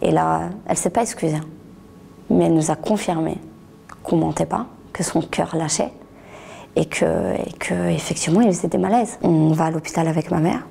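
A middle-aged woman gives a personal testimony in an interview, her low voice heavy with gravel and a dark, mellow tone. She talks haltingly, restarting words and sometimes sinking almost to a whisper. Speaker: author giving a testimony.

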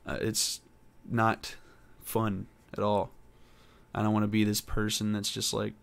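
A young man hosting his own podcast alone, talking in a rambling, hesitant way with many pauses and fillers. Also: fairly low pitch, completely flat delivery, gravelly. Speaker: podcast host. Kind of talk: casual solo podcast monologue.

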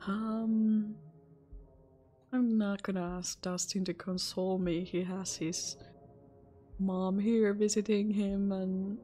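A woman reads game text aloud and adds her own expressive commentary as a streamer. She takes her time, at a medium pitch, with soft music underneath. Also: takes it slowly. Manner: expressive, reacts out loud.

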